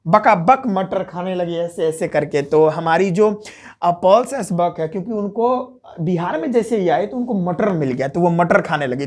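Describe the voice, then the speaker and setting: Guy teaching exam tricks quietly at home, asks himself stuff then answers it. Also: high-pitched. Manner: speaks softly to keep from waking others. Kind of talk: exam memory-trick lesson. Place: room at home at night.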